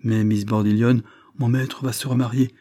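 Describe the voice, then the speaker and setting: A man's voice: mid-range voice, level tone, moderate pace, dark tone, natural voice. A man doing a fawning, scheming housekeeper. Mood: wheedling. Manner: fawning, then triumphant. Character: intriguing middle-aged housekeeper woman, spiteful.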